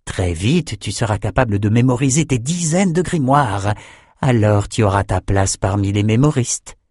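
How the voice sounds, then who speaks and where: A man's voice: lowish voice, expressive, moderate pace, a little mellow, slightly rough, no echo, studio quality. A man voicing an imperious, possessive woman who heads a circle of scholars, speaking with condescending sweetness. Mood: patronizing.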